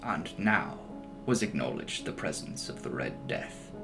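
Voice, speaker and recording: Male storyteller, dramatic horror audiobook, creaky voice, lively intonation, solemn and emphatic, music underneath. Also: rumbling low, unhurried, low-quality recording. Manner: theatrical, solemn, emphatic delivery. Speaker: audiobook narrator. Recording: music behind the voice.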